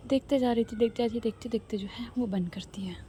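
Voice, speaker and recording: A woman's voice: on the high side, quick pace, warm tone, slight background noise. A woman storyteller narrating a story in a chatty, casual way, now and then correcting herself.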